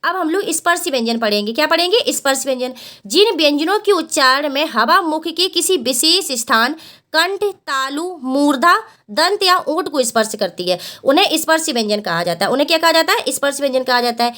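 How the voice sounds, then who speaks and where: A woman's voice: sits high, expressive, pushed and bright. A woman teaching a Hindi exam-prep lesson. She asks the class a question, answers it herself, and repeats each point, often calling the students "beta". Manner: drawn-out vowel demonstrations.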